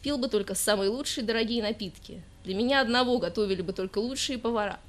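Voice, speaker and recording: A tipsy young male poet, pompous and self-pitying, whining in slow, stretched-out complaints, as a woman narrator puts him on. He sounds louder and a touch higher than the reader's plain voice, for an audiobook story. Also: natural voice. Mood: pompous sulking. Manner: whiny, loud, drawn-out self-important rants.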